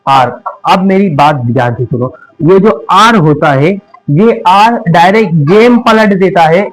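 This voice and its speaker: A man's voice: sits high, rough recording. A young man with a Hindi accent teaching a lesson, repeating each word as a question and then answering it. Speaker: English teacher.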